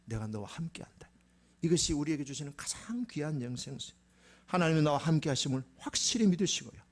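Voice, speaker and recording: Korean pastor man preaching in church, lively voice, lots of questions to the crowd. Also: fairly high pitch, a little fast. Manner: emphatic, rhetorical questions to the congregation. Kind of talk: sermon. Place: church sanctuary.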